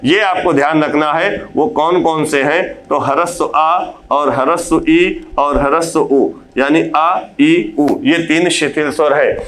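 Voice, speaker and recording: Guy with a highish voice doing a exam prep lecture, asks then answers his own questions, slows down on example words. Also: fairly bright tone. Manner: slows down and stretches words to show pronunciation. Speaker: teacher.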